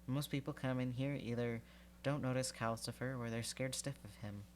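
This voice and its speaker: A man's voice: medium pitch, steady tone, normal speed, a little hiss or hum, lightly acted. A man voicing an easygoing young apprentice in a read-aloud storybook, speaking offhandedly. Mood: offhand.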